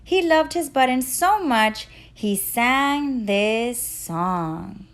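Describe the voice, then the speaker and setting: A teacher hosting a children's picture book read-aloud speaks in a high register at a very unhurried pace. She is expressive, interacts with her young listeners, and sings the refrains.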